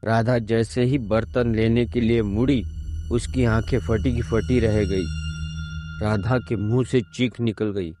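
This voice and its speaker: A man narrating a scripted horror story in a measured, ominous way. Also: on the low side, steady tone, noisy background. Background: faint music.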